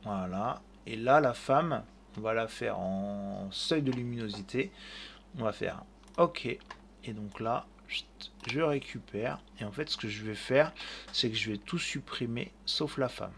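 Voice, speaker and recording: A man hosting a screen-recorded software tutorial, thinking aloud and narrating each click with fillers, speaking into a desk mic at his computer. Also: lowish voice, measured pace, vocal fry, slight background noise.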